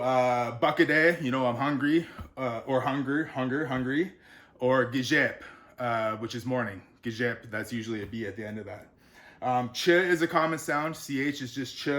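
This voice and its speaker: A male author giving a relaxed, unscripted pronunciation lesson, sounding out words syllable by syllable between frequent fillers. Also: mid-range voice, normal speed.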